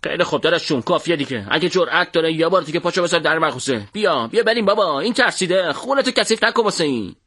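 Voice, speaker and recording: A man voicing a brash, dismissive brother of the shopkeeper in an audiobook, talking quickly. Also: a little high, animated, a bit bright, breathy edge, no echo, clean studio sound, voice pushed up, full character voice.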